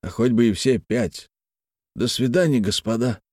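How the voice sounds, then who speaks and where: Чтец играет рассудительного человека, сдержанно, сухая запись. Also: male voice, mid-range voice, normal speed, dry recording, studio quality, close to an everyday voice. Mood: calm. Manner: calm, matter-of-fact. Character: calm, sober, steady factory man.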